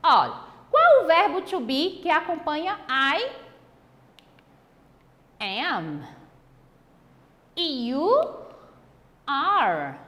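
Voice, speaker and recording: A Brazilian woman teaching an English lesson with a Brazilian Portuguese accent, stretching out her example phrases slowly. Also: sits high, in a large hall. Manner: animated, drawn-out examples. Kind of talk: recorded online lesson.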